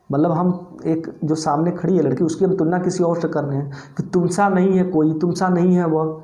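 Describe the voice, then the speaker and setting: A man's voice: a little high, mellow, echoey room. A male teacher giving an exam-prep grammar lesson, explaining step by step and asking and answering his own questions.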